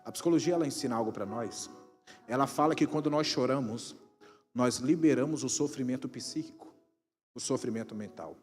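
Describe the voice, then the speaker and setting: A man with a Brazilian Portuguese accent preaching a Pentecostal sermon in a church, moving between shouted exhortation and calm teaching. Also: mid-range voice, fairly quick. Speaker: pastor. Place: church sanctuary. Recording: reverberant hall with music behind.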